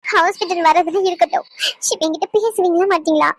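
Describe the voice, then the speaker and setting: A young wife pleads with her husband, as a woman acts her out, her voice very high and sitting dry and close to the mic. She keeps begging, anxious and soft, saying his name over and over in an audio drama. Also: steady tone, fast, no echo. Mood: pleading. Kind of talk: Tamil audio drama acting.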